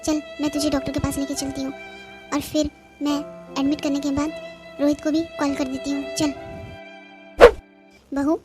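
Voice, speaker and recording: A woman's voice: high voice, lightly acted. A woman voicing a caring, reassuring middle-aged mother-in-law in a cartoon. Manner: soothing, motherly. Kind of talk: cartoon voice acting.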